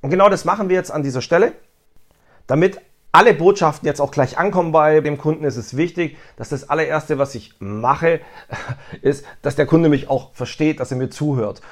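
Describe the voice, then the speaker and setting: A man's voice: a little high, normal speed. A man giving a telephone sales training talk, explaining step by step and acting out sample greetings with emphasis.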